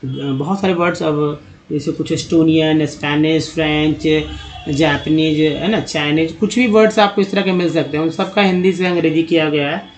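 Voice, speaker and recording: A man giving a spoken English lesson. He reads words out slowly one by one, then explains them. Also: a little high. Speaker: English teacher. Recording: dull lo-fi sound.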